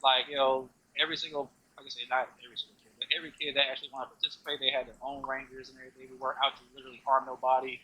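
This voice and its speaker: Fast-talking husky man in his thirties. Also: mid-range voice, flat delivery, sharp tone, poor audio. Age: 30s. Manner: laid-back, frequent "you know" fillers. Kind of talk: casual chat.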